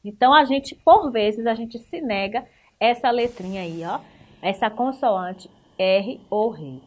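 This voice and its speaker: Brazilian lady teacher, talks slow and kinda sing-song, asks the kids questions and goes "isso mesmo". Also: fairly high pitch, lively intonation, darkish tone. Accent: Brazilian Portuguese. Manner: explains slowly, asks the class questions and praises answers. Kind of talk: remote school lesson.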